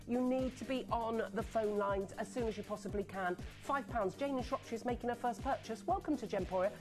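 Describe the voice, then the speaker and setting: Live in a TV studio, a woman with a slightly high voice delivers an on-air sales pitch for a shopping channel. She's chatty and excitable, rattling off buyer names, and sounds a little sniffly from a cold.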